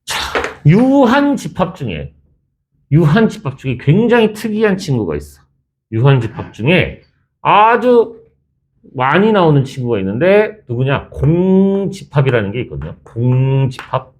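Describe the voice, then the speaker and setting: Male math teacher, lively and teasing, fairly high voice, classroom lecture. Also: moderate pace. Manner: chatty, teasing, switches between formal and casual speech.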